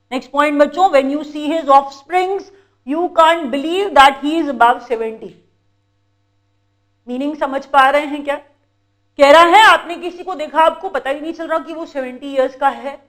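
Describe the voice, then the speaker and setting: A woman teacher with an Indian accent giving an exam-prep grammar lecture, explaining slowly and repeating key points to her students. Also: high-pitched. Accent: Indian English.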